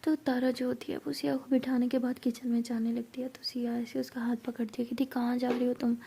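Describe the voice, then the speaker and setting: A woman narrates a story in a soft, breathy, half-whispered way. Her voice sits a little high but stays flat in its melody, with a gravelly edge and a dark, mellow tone. Faint noise hums behind her. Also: brisk. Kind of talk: casual storytelling narration in Hindi.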